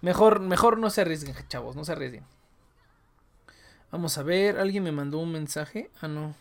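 A woman's voice: low voice, normal speed, a crowd in the background. A woman with a Mexican accent, live streaming and chatting casually to her viewers in a rambling, slangy, profane way. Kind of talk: casual chat.

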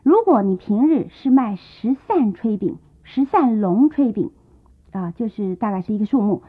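A woman voicing a stern younger brother who gives slow, measured warnings in a told story. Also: mid-range voice, animated, slightly rough. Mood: admonishing. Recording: tinny lo-fi tape.

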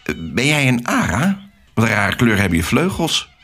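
A man's voice: medium pitch, big pitch swings, normal speed, fairly bright tone. A man voicing a flock of snooty cockatoos in a children's story, calling out haughtily from a distance. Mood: haughty.

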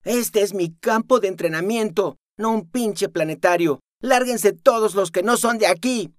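A man's voice: high-pitched, unhurried, no room sound, studio quality, voice pushed up. A man doing a spitting, cursing young woman soldier. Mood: furious. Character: defiant foul-mouthed young woman soldier.

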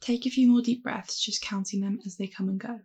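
A woman speaking a little fast in a husky, creaky mid-range voice leads a calm grounding exercise. It's a guided mindfulness meditation with gentle, reassuring instructions.

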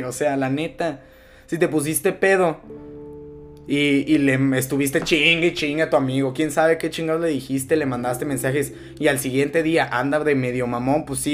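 Young Mexican podcast host, blunt and preachy, slang-heavy, light music bed underneath. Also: male voice, on the high side. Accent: Mexican Spanish. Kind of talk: casual podcast chat.

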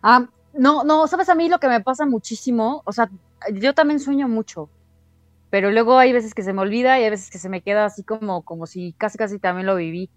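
A woman's voice: on the high side, a little fast, no echo, soft background music. A woman chatting casually and animatedly, leaning on words like "literal". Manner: animated, uses "literal" and "o sea". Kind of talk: casual chat.

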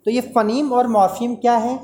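A woman with a fairly high voice teaches a class in Hindi, slipping into terms. She explains patiently and asks rhetorical questions, repeating the key terms. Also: fairly even intonation, takes it slowly, dark tone. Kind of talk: classroom lecture.

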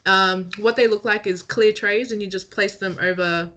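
Bright-voiced young woman explaining things. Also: medium pitch, steady tone, moderate pace. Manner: explains things step by step, laughs easily. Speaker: podcast co-host. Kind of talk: casual chat. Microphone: remote call.

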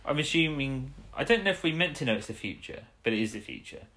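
A man's voice: medium pitch, very animated, fast talker, pushed and bright. A man co-hosting a casual podcast, rambling through an episode recap with restarts and chuckles. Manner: rambling, self-interrupting, chuckling. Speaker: podcast co-host. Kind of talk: casual chat about an old TV episode.

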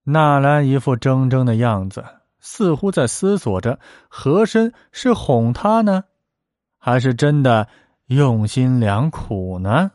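A man narrating a historical story with a lively storyteller's rhythm. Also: medium pitch, takes it slowly, dry recording, studio quality.

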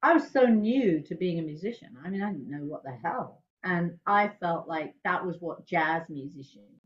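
Speaking at normal speed in a lowish voice with a breathy edge, an English jazz singer chats through stories from her life in a casual interview. She laughs frequently, stays animated, and raises her voice sharply when quoting herself, on slightly dull lo-fi audio.

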